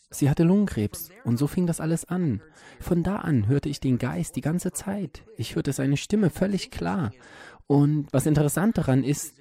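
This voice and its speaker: Gravelly man telling of a spirit voice. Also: a little high, warm tone. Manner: earnest, matter-of-fact about hearing a spirit. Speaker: medium. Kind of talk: personal storytelling talk.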